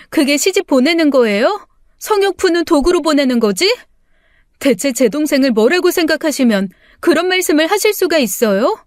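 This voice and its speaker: A woman's voice: high voice, no room sound, clean studio sound. A woman playing a furious indignant daughter-in-law. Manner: sharp, indignant, raised voice.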